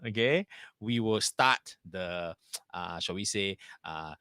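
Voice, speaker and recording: Man, Singaporean accent, colloquial Singlish, crisp bright tone, dry close sound, casual live-stream co-host. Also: sits low, expressive, takes it slowly, no echo. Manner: colloquial Singlish with sentence-end particles.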